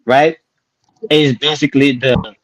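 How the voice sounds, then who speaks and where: A man's voice: medium pitch, steady tone, a little slow. A man in a casual group discussion call, talking through a bluetooth headset mic with crackling sounds and often checking in with "right?". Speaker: participant in an online discussion call. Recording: muffled bluetooth mic with faint clicks.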